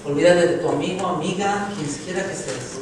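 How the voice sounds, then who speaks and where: A man preaching a sermon and telling a testimony, swinging from loud emotional peaks to hushed appeals. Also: a little high, fairly quick. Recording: far-off mic in a very echoey hall with room noise.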